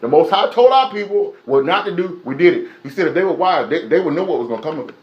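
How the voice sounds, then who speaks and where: Man, preacher, high voice, emphatic repetitive delivery, echoey room. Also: animated, fast talker, lo-fi sound. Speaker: preacher teaching a Bible lesson. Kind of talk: live-streamed sermon.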